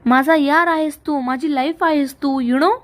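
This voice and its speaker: A woman's voice: high voice, fairly even intonation, unhurried, voice pushed up. A woman voicing a young businessman who coaxes and bosses his friend, in a retold serial. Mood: coaxing. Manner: wheedling then ordering. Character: young businessman husband, pleading and bossy.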